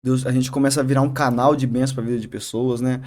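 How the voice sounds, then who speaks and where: A man, a barber and youth leader, telling his faith story in a podcast interview, halting often and tagging sentences with "né?". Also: medium pitch, little pitch movement, darkish tone. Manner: halting, many restarts and "né?" tags. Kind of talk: emotional testimony in casual interview.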